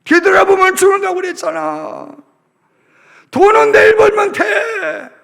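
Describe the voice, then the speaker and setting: A desperate husband begs his wife, high and strained, his voice gravelly and sharp, as a preacher acts him out. The sound rings through a church hall with a long reverb. It comes from a sermon story. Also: expressive, measured pace, full character voice. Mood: desperate pleading.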